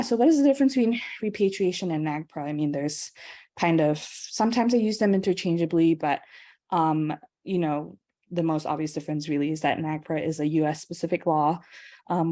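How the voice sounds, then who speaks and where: A woman's voice: on the low side, dark tone. A young woman from Singapore giving an online guest lecture, chatty and casual with many ums and small laughs.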